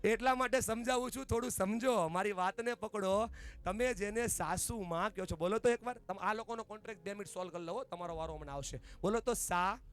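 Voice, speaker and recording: A man giving an animated motivational speech to a family gathering, leading the crowd in call-and-response chants. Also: sits high, a little fast, clean tone. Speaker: motivational speaker. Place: outdoor party venue.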